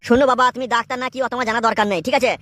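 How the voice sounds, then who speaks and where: A stubborn young man in a comic cartoon, as a man puts him on pushes back hard and fast, his voice lifted well above his natural tone. The sound is dry and close, with no room around it. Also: extremely high pitch, little pitch movement, pushed and bright, no echo, voice pushed up. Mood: insistent. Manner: defiant, insistent. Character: stubborn young man obsessed with a neighbor's wife.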